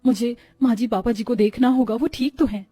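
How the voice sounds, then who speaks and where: A woman voicing a kind, patient elder daughter-in-law in a storybook, gentle yet firm. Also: fairly high pitch, fairly even intonation, fairly quick, husky, no echo, faint music behind.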